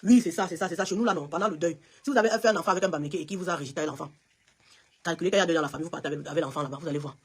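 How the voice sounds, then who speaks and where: A woman's voice: lowish voice, racing, husky. A woman from Cameroon with a Cameroonian French accent, chatting emphatically on a live stream and talking straight to viewers by name. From Cameroon, West region. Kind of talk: casual live-stream chat answering viewers.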